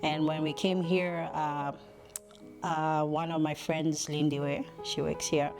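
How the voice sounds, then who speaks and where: A woman's voice: low-pitched, flat delivery, slow. A woman giving a hesitant personal testimonial as a program graduate, with many fillers. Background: background music.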